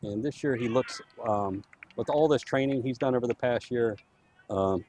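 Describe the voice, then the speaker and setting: A man's voice: medium pitch, moderate pace, darkish tone, slight background noise. A man giving casual, chatty live commentary on a soccer match for the home club. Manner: chatty, easygoing, laughs easily.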